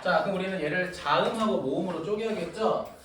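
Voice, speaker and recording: A man's voice: high voice, fairly quick, fairly bright tone. A man teaching a math class, joking and teasing his students as he explains. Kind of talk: classroom lecture. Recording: echoey room, recorded from a distance with noise.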